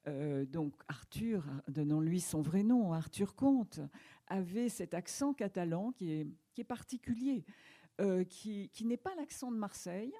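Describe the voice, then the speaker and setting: A woman's voice: medium pitch, animated, unhurried, mellow. A French woman author talking at length in a conversational interview, thoughtful, with many small restarts. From France. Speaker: author guest. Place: media library talk.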